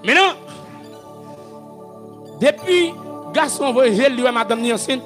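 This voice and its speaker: A male pastor with a Haitian accent preaching a sermon, shouting and chanting his calls. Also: very high-pitched, lively intonation, slow, soft background music.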